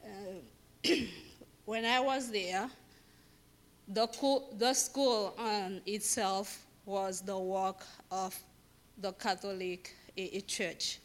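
A woman from Haiti, sharing a personal testimony in church in a halting way, searching for words. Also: medium pitch, fairly even intonation. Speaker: church member giving testimony. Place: church sanctuary.

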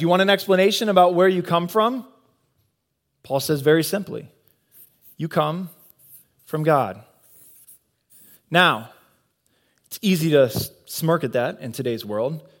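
Guy with a pretty high voice preaching, earnest, lots of rhetorical questions and pauses. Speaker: pastor. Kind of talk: sermon.

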